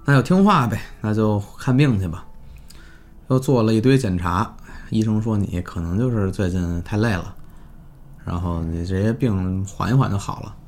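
A man telling a horror story in casual chat, animated and swearing freely. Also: moderate pace. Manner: animated, jumps pitch for drama, swears casually.

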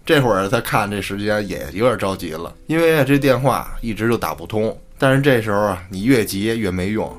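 A man hosting a podcast and telling a spooky tale in a colloquial, relaxed way. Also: on the low side, fairly quick, few pauses. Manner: colloquial, relaxed, casual swearing. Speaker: podcast host. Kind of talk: storytelling narration.

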